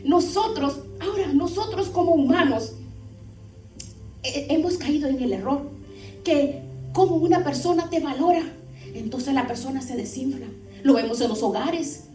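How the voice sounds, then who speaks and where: A woman's voice: high-pitched, moderate pace, pauses often, mellow. A woman pastor preaching a fervent sermon, speaking straight to her congregation. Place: church hall. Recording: echoey room, heard from a distance, faint music.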